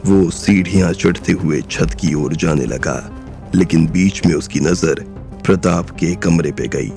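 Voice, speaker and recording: The narrator is a man whose deep, rough-edged voice unfolds the story slowly and carefully, accompanied by quiet music in the background.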